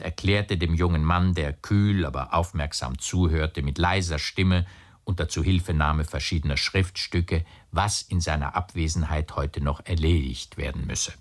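A man narrating a literary audiobook in a measured, storytelling manner. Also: sits low.

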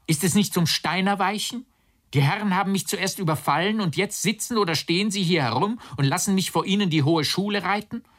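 A man's voice: medium pitch, sing-song, moderate pace, a bit bright, pitched above the performer's own voice. A man voicing an agitated, indignant arrested man who exclaims in outraged, rising cries.

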